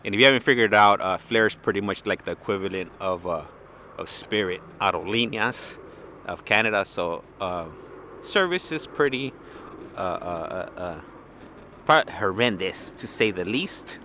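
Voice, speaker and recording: A man's voice: low voice, moderate pace, pushed and bright, a little hiss or hum. A man telling a long story in a loose, chatty way, full of fillers and restarts, as host of his own livestream. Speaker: plane-spotting livestream host. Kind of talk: casual rambling storytelling.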